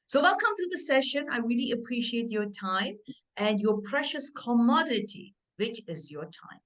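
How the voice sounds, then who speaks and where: Here a Turkish-born, German-raised coach in middle age guides an online workshop on career and family, her slightly high voice lilting along at a moderate clip. She stays warm, supportive and engaged with the group, all captured on a rough recording.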